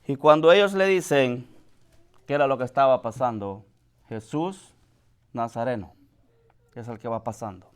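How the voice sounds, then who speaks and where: A man preaching a sermon, speaking to the congregation as brother, swinging from high, loud questions to soft, quiet lines. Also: moderate pace, long pauses, clear, resonant tone. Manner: addresses the congregation directly as brother.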